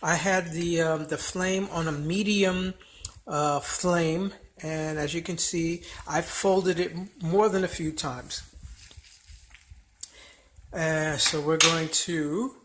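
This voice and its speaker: A man walks through a home cooking demonstration in an easy, slow, meandering way, often pausing and restarting. His voice sits somewhat high for a man. Dishes and cutlery clink faintly in the background. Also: steady tone, fairly bright tone, a little hiss or hum. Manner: slow and unhurried, with many fillers and restarts. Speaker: home cook vlogger.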